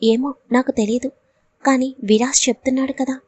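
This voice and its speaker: A woman voicing a calm, matter-of-fact young man in a storybook reading. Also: high-pitched, moderate pace, husky, dry recording.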